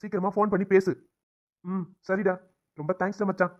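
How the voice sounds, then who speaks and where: A man's voice: sits high, level tone, lo-fi sound, lightly acted. A man voicing young male doctors in a cartoon drama, chatting and joking between friends. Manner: brisk, chummy banter.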